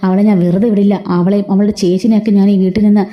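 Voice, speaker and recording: A woman's voice: medium pitch, little pitch movement, racing, lightly acted. A bitter, scheming mother-in-law makes threats, voiced by a woman telling the story. The recording is muffled and lo-fi. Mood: seething. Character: angry scheming middle-aged mother-in-law.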